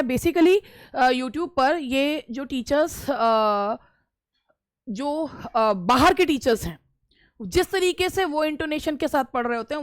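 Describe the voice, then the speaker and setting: A woman's voice: high voice, no room sound. Middle-aged woman teacher, chatty and repetitive, recorded dry. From India. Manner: conversational, repeats phrases, frequent hesitations. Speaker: English teacher giving interview tips. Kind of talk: casual instructional talk.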